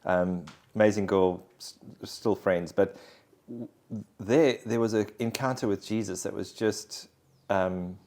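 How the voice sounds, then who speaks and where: A man's voice: fairly low pitch, fairly even intonation, a little slow, a little mellow. A man, sharing his personal faith story in an interview in an earnest, reflective way. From South Africa. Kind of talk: conversational personal testimony.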